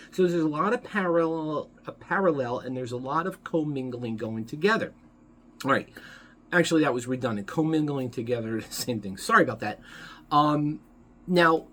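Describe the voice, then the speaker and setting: A man preaching to his congregation in a loose, conversational teaching style. His voice is husky and sits at an ordinary pitch. He often pauses, restarts and corrects himself as he explains. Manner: conversational and halting, many fillers and self-corrections. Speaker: pastor teaching a Bible study. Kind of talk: sermon.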